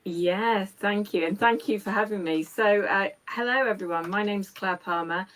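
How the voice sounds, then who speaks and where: A woman coach introducing herself on an online panel over a video call, brisk and friendly. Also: mid-range voice, fairly bright tone.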